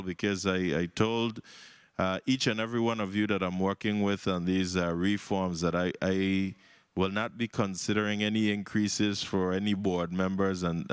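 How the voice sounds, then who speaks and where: A man's voice: low voice, clear, resonant tone, dry recording, studio quality. A man with a Virgin Islands accent, speaking as a senator at a legislative hearing in an informal, jovial, conversational way. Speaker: senator questioning at a budget hearing. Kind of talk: semi-formal remarks at a legislative hearing.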